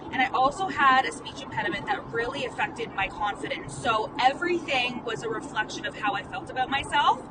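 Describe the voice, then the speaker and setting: Steady road noise fills this recording, captured on a distant phone mic in a noisy car. The speaker, a late-twenties woman who works as a life coach and podcast host, has a stutter and a slightly high voice. Her driving vlog monologue is candid and rambling, peppered with "like" and an occasional swear.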